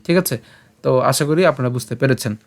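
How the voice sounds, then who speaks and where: A man teaching how to pronounce scripture verses, breaking words into syllables and chanting them slowly. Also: mid-range voice. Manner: slow, syllable-by-syllable drilling of verses. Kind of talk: slide-based pronunciation lesson.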